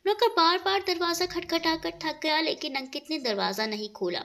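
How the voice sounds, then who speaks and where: A woman narrating an emotional family story in an expressive storytelling manner. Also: very high-pitched, moderate pace, gravelly.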